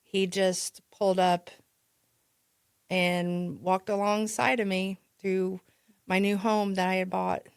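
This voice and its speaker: A woman's voice: medium pitch, little pitch movement, slow, vocal fry, clear, resonant tone, dry recording, studio quality. A woman with a Midwestern American accent, a podcast guest telling a story in a chatty, casual way. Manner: chatty, with restarts and laughs. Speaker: podcast guest, real estate agent.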